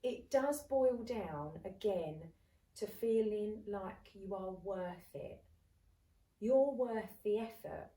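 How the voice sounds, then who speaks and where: A podcast co-host in her thirties chats casually, talking animatedly and acting out what people said. Her mid-range voice comes slowly, recorded off-mic from a distance in an echoey room.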